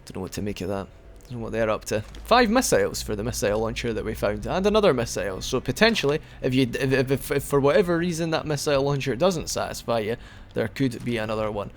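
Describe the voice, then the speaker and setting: This young man's mid-range voice is sing-song and fast, with few pauses, as he gives casual, rambling commentary on the game he's playing. Chatty and prone to restarts, he hiccups now and then. Slight background noise can be heard.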